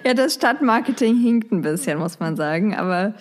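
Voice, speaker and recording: A woman's voice: mid-range voice, expressive, moderate pace. Woman, co-host, casual chat, chatty, laughs easily. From Germany. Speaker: podcast co-host.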